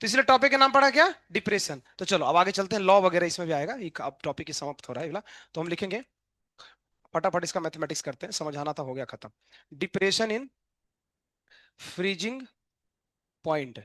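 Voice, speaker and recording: A man's voice: sits high, bright, forceful tone, no room sound, studio quality. A male chemistry teacher, giving a live online lecture in a playful, joking way and asking students questions that he answers himself.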